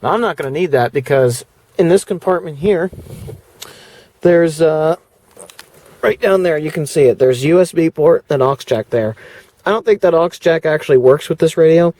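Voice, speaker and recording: Recorded dry, this man's voice sits fairly high, with a normal pace and a slightly mellow quality. He's filming a casual vlog walking through his car stereo, speaking loosely with lots of fillers and restarts, starting indoors and then moving into his parked car.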